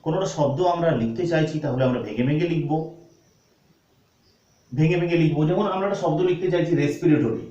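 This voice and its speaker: A man's voice: on the high side, quick pace, pauses often, mellow, muffled recording. A man teaching a grammar lesson, asking questions and answering them himself. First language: Bengali. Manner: asks and answers his own questions. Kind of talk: classroom lesson. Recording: echoey room, voice from far off.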